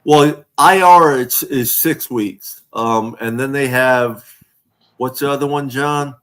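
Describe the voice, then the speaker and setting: A man's voice: mid-range voice, slow pace, fairly bright tone, clean tone. A man hosting a casual sports fan livestream over a video call, rambling and a little slurred after a few drinks. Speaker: podcast host.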